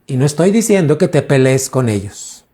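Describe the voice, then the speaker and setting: A man's voice: mid-range voice, sing-song, normal speed, warm tone. A man, a pastor preaching a teaching sermon and quizzing his congregation with questions.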